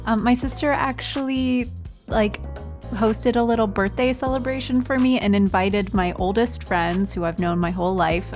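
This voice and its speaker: A woman's voice: medium pitch, darkish tone. Chatty woman with lots of ums. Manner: hesitant, many ums, laughs often. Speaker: newsletter editor. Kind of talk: casual news roundup chat.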